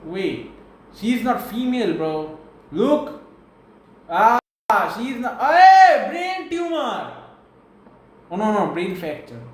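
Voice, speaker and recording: A man's voice: high-pitched, sing-song, slow, long pauses. A young man streaming live, talking to strangers in a playful, teasing way with mumbled asides. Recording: very echoey room, faint noise.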